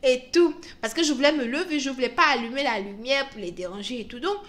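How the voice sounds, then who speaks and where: A young woman giving a casual tarot reading, telling stories in an animated way, laughing often and mixing in English words. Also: high-pitched, fast. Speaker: tarot reader.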